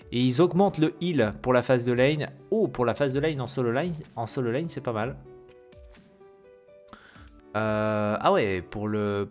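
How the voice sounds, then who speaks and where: A man hosts a gaming video and talks loosely through patch notes at a middling pitch. He stumbles through fillers and restarts, and he reads the English terms with a heavy French accent. Soft music plays faintly under his voice. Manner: hesitant, many fillers and self-corrections. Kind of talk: casual commentary on game patch notes.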